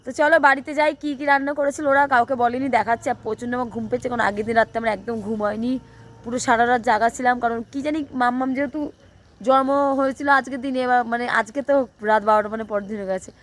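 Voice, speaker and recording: Hoarse young woman, rapid chatty vlog delivery, highish voice. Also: fairly even intonation. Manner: chatty, rambling, addresses viewers directly. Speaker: vlogger. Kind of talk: casual vlog narration to camera.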